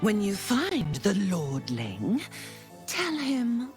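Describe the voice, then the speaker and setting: Orin, a very slow, menacing shapeshifter villainess. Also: female voice, mid-range voice, huge pitch swings, darkish tone, heavily acted. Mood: menacing, mocking. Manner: slow, theatrical, taunting. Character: menacing, mocking shapeshifting female cult assassin. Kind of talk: video game villain acting. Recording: music behind the voice.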